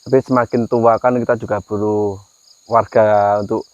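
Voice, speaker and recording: A man's voice: lowish voice, level tone, normal speed, a little mellow, highs cut off. A man, chatting as a local guide on an outdoor night vlog, in short colloquial explanations. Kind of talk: casual chat, on-location explaining. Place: outdoors at night by a ruined empty village house.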